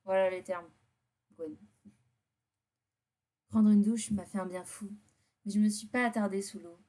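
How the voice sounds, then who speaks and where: A woman with an average-pitched voice reads visual-novel text aloud as she plays. She breaks off from the narration for blunt, slangy remarks. Her delivery is casual and teasing, like chatting with friends over a game. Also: steady tone, unhurried, mellow. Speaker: co-host reading a dating game aloud and reacting.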